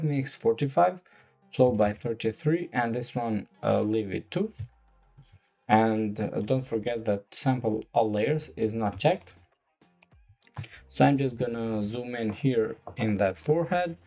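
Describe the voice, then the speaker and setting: In this screen-recorded software tutorial on retouching, a non-native English speaker with a lowish male voice talks slowly and haltingly. Fillers crowd his speech, and soft music sits faintly in the background.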